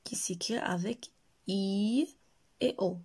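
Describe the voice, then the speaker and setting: Woman teacher, Moroccan French accent, very slow and deliberate, mellow tone; reads words aloud twice for young pupils. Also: mid-range voice, breathy edge. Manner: slow, deliberate, repeats each word for pupils. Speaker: primary school teacher. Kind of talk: slow reading lesson for young children.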